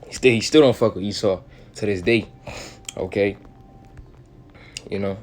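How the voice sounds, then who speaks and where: Man, lowish voice, casual bible study, reads scripture aloud, slangy, swears. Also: normal speed, slight background noise. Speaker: Bible teacher.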